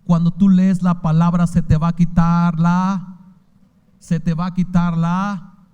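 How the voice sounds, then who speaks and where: A man's voice: high voice, flat delivery, takes it slowly, mellow, clean tone, highs cut off. A man with a Mexican accent preaching a sermon as pastor, firing rhetorical questions at his listeners with fervor. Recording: long hall reverb.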